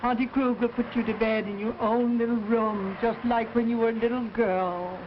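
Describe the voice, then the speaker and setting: An actress playing a soothing but guarded older housekeeper aunt in early 1930s film style, on a muffled, noisy soundtrack. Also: female voice, a little high, fairly even intonation, normal speed, close to an everyday voice.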